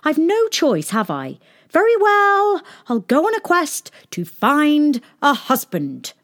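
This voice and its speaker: A woman voicing a spirited, headstrong young princess who has just become queen, speaking high and emphatically. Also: wildly swooping pitch, slow, a bit bright, heavily acted. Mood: resigned.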